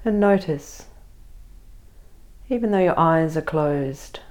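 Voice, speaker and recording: A woman leading a guided meditation and body scan in a soft, soothing, gentle voice, speaking in short, spaced phrases. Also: deep voice, lively intonation, takes it slowly.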